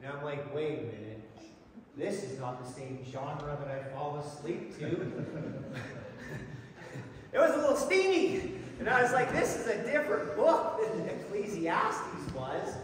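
In a noisy, echoey church hall, a middle-aged lay preacher, heard from far off, gives an unhurried, very animated sermon, folksy and self-deprecating, repeating words along the way. His voice is a little high.

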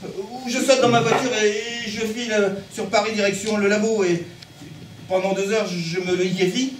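A man's voice: sits high, steady tone, normal speed, noisy background, close to an everyday voice. A man playing a flustered schemer. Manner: flustered, pleading. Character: anxious man scheming to get his lab results. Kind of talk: amateur stage play. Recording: echoey hall from far off.

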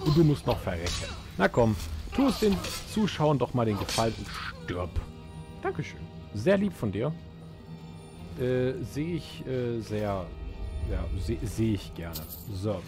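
A man narrating his gameplay in a casual, jokey way, with a pitch that swings up and down a lot. He taunts enemies and jokes with viewers, while game music plays clearly behind him. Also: big pitch swings, unhurried. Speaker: let's play host. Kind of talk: casual gaming commentary.

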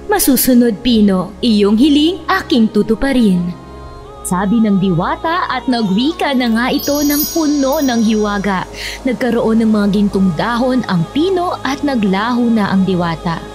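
Woman, storyteller, scripted children's narration, slightly high pitch, background music. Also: lively intonation, normal speed, a little mellow.

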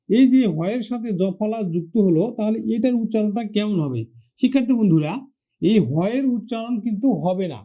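A man teaching a lesson, patiently asking questions, answering them himself and repeating words slowly for pronunciation drills. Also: high-pitched, mellow. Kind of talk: classroom-style lesson.

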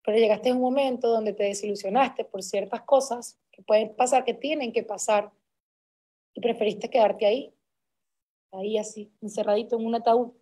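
High-voiced, emphatic woman speaker. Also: steady tone, moderate pace, dark tone. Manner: emphatic and repetitive, building intensity. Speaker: motivational speaker at a sales conference. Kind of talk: motivational talk to a sales team.

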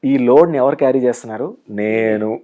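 A man with a Telugu accent speaks in a mid-range voice at a fairly quick clip, though the recording is muffled. He's a motivational speaker appearing as an interview guest, animatedly acting out the scenes in the stories he tells.

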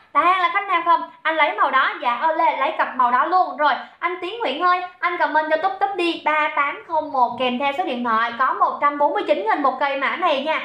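A young woman hosts a sales livestream, bright and high-pitched, rattling off her pitch at a fast clip. She teases and chats with her viewers between offers. The phone recording sounds echoey and a little dull. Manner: chatty, teasing, reads viewer comments aloud. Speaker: livestream seller. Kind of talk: live-selling chatter.

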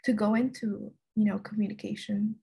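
A young woman student asks her question over a webcam from a room at home. Her voice is husky and gravelly, and dark in tone. She hesitates often and fills the pauses with ums. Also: medium pitch, steady tone. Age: young adult. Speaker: student interviewer. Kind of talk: interview question on a video call. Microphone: webcam on a video call.

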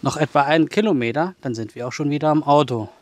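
A man's voice: on the high side, quick pace, dry recording, faint music behind. Middle-aged male hiking vlogger, matter-of-fact, dry and close sound, walking outdoors with the camera at arm's length. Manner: plainspoken and matter-of-fact, talking while walking. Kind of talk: casual spoken recap. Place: outdoors on a snowy forest trail. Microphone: camera held at arm's length.

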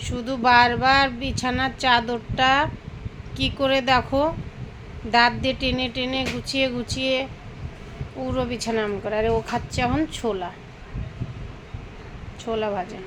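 A woman's voice: a little high, fairly even intonation, unhurried, long pauses, background noise. A woman vlogging about her pets at home, talking to viewers as friends and cooing sweetly to the animals. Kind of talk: casual pet vlog narration.

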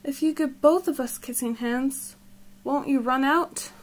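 A small, worried raccoon boy from a storybook, jealous of his baby brother and plaintive when he asks questions, as a woman reads him aloud. The voice sits a little high, and each line comes out pleading. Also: measured pace.

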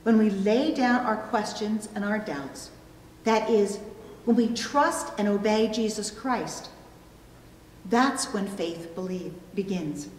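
This sermon, rich in illustrative stories, comes from a middle-aged woman pastor speaking slowly and deliberately, pausing for emphasis, in a medium-pitched voice. The recording, made from a distance at an indoor church pulpit, carries a little hiss or hum and the long reverb of an echoey hall.

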